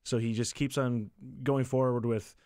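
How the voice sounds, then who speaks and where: A man appearing as a guest reporter, casually breaking down politics with quick laughing asides. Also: mid-range voice, steady tone, darkish tone, clean tone, no echo, clean studio sound. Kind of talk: casual political analysis chat.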